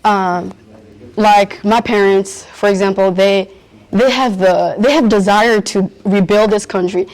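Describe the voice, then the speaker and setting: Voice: mid-range voice, steady tone, a little slow, darkish tone, low-quality recording. A young adult, answering interview questions earnestly and searching for words. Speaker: youth interviewee at a community event.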